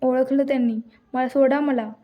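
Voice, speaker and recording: A woman's voice: high voice, fairly even intonation, normal speed, lo-fi sound, lightly acted. A woman voicing a humble young village man who pleads insistently for a job, read in her own voice. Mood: pleading.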